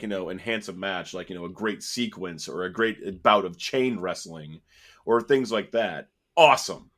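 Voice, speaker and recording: A man hosting a podcast, talking casually with wry, opinionated commentary and laughing while he makes his points. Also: medium pitch. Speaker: podcast host. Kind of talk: casual chat.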